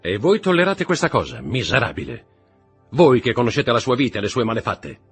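A man's voice: medium pitch, sing-song, a little fast, husky, soft background music, pitched above the performer's own voice. A man voicing a stern, commanding nobleman posing as a priest, accusing and giving orders.

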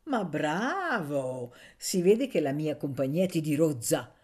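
A worldly young male student teases his friend in a wry, knowing tone, as a woman narrator reads him. The pitch is low for a woman, and the delivery is unhurried. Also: warm tone, husky.

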